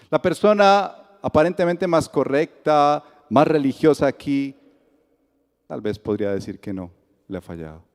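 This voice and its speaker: A man's voice: fairly high pitch, long reverb tail. A man with a Colombian accent, a pastor preaching a sermon and acting out the dialogue as he tells the story. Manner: lively storytelling that acts out the dialogue. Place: church sanctuary.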